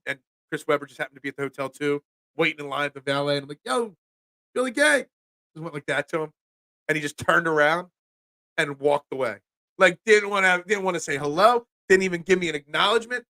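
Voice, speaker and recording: This forties-aged host with a Philadelphia accent does a solo sports talk show, reading chat while he rambles, stammers into restarts, and chats with viewers on the side. He sounds high-pitched, bright, and forceful, and there's no echo.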